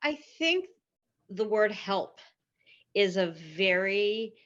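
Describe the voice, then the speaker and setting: A woman from Philadelphia speaking as a panelist on a webinar, reflective and thinking aloud with frequent pauses. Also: mid-range voice, big pitch swings, fairly bright tone, highs cut off. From Philadelphia, United States. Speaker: panelist, researcher. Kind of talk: conversational webinar discussion. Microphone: video call.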